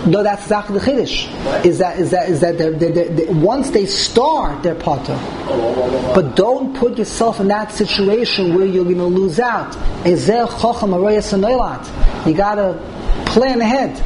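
A man's voice: high-pitched, lively intonation, moderate pace. A man teaching an informal Talmud class as a rabbi, repeating and rephrasing as he explains phrase by phrase. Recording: clearly noisy room recording.

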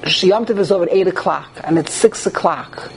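A rabbi teaches a religious class in a noisy live room, his voice sitting high and moving at a normal speed. His lecture to the group is informal, with repeated phrases and rhetorical questions.

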